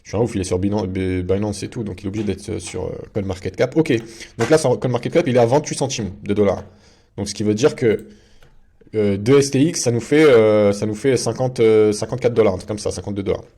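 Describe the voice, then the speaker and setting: Chatty low-voiced man with many fillers. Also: fast, mellow, slightly rough. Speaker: crypto video host. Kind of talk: casual screen-share tutorial.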